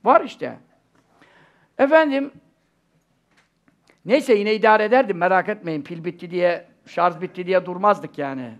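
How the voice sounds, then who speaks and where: High-pitched, creaky older preacher. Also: male voice, measured pace, long pauses, muffled recording. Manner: conversational, rambling, animated self-interjections and rhetorical questions. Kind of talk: informal religious lecture with asides to the congregation.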